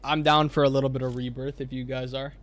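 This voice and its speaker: A young man streams from his gaming room at home, talking casually as he plays, laughing a lot and thanking the people who donate. His voice sits in the mid range, with an even tone and a quick pace.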